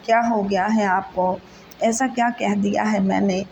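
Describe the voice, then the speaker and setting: A woman's voice: medium pitch, fairly even intonation, vocal fry, darkish tone, slight background noise, close to an everyday voice, low-quality recording. A woman reading the lines of a devoted young wife who coaxes and pleads with her husband. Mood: pleading. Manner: coaxing, pleading.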